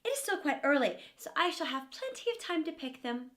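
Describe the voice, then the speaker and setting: A woman's voice: high-pitched, sing-song, a little fast, fairly bright tone. A woman voicing a sweet, innocent little girl in a children's fairy tale. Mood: cheerful.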